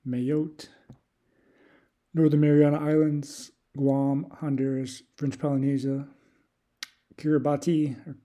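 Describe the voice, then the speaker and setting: Very dark-voiced man reading a list. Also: on the high side. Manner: reads off long lists in a steady run; thinks aloud with hesitant restarts. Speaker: YouTube creator. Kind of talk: casual live-stream commentary.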